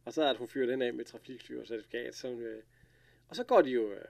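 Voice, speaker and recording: A man casually recapping an episode, retelling scenes with lively quoted lines and laughter. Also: medium pitch, creaky. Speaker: podcast co-host recapping an episode. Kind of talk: casual chat.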